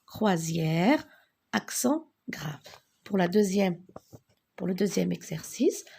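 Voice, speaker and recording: A woman teaching a French spelling lesson, talking slowly and deliberately and repeating key words for emphasis. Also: on the low side, lively intonation, gravelly, darkish tone, slight background noise.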